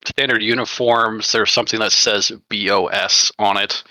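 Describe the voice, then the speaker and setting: A man's voice: fairly low pitch, fairly even intonation, moderate pace, sharp tone, no room sound. A man describing his character in a tabletop game, rambling and hesitant with many fillers. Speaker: player. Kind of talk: tabletop play and narration.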